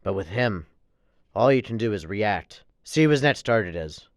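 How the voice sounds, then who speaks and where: An actor playing a weary, stubborn police commissioner, speaking earnestly in a radio drama. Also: male voice, lowish voice, animated, moderate pace, dry recording, clean studio sound, close to an everyday voice. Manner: earnest, emphatic.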